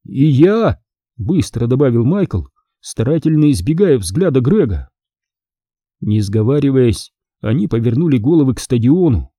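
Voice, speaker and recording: A man reads a children's horror story with an expressive, lively delivery that swoops up and down. His voice is very dark and mellow, with a husky grain, and the room is dry and close. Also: mid-range voice, moderate pace, no room sound. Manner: expressive, does all the voices. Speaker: audiobook narrator. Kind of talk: scripted horror story narration.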